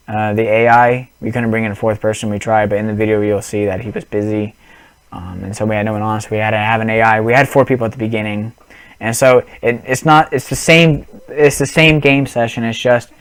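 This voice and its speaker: A young man with a mid-range voice records a casual gaming vlog on a headset mic, with no room sound. He rambles, restarting often and apologizing a lot.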